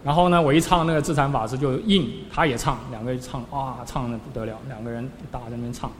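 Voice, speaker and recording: A man's voice: mid-range voice, steady tone, quick pace. A man, a Buddhist monk, giving a storytelling sermon, acting out scenes with sudden rises and drops in his voice. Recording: long hall reverb with faint background noise.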